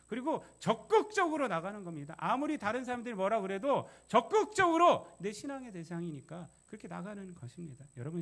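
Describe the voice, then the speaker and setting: A man's voice: sits high, creaky. A male pastor preaching a sermon, emphatic, repeating key phrases and putting questions to the congregation.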